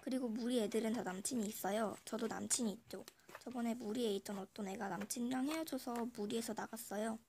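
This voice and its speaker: A host reading a listener's story aloud in a radio-style show, voice altered by a voice changer, with steady, friendly reading. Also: mid-range voice, fairly quick, few pauses, background noise.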